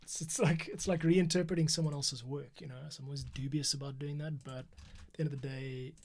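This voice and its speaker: Muttering to himself as he works at his keyboard, a man walks through a casual editing tutorial as a podcast editor, thinking out loud. He speaks fairly quickly in a fairly high, steady voice over the sound of typing and mouse clicks.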